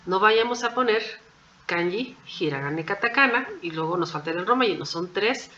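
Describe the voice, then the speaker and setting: A woman's voice: medium pitch, expressive, fairly quick, pushed and bright, a little hiss or hum. Patient woman teaching, slightly dull recording. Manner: patient, methodical, checks in with "¿sí?". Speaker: Japanese language teacher. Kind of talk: explaining an exam answer by answer.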